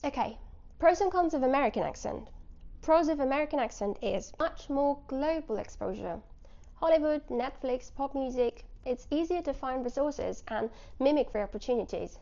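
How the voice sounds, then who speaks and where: A non-native English-speaking woman with a modern British accent, explaining things clearly in short phrases to learners as a teacher. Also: sits high, dark tone, dull audio. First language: not English. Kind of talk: direct-to-audience lesson with personal story.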